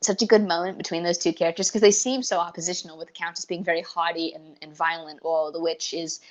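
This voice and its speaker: A woman's voice: fairly low pitch, steady tone, fast talker. A woman co-hosting a podcast in casual chat, eager and rambling, often restarting her sentences. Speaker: podcast co-host.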